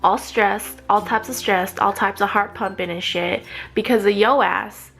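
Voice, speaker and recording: A young woman vlogging about her night, sounding indignant and worn out from lost sleep. She talks casually with lots of "like" and plenty of swearing, at a middling pitch. Faint music plays underneath. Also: steady tone, unhurried, gravelly, a bit bright. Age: young adult. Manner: indignant, swears freely, many fillers. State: agitated and sleep-deprived. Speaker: vlogger, graduate student. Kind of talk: casual storytelling vlog.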